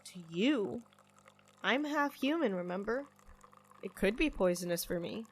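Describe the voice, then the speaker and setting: In this audio drama role, the barista is a young-looking half-human woman, stubborn, under stress and in mourning, and the performer gives her a dry, guarded, offhand manner. She speaks in an animated mid-range voice at a measured pace.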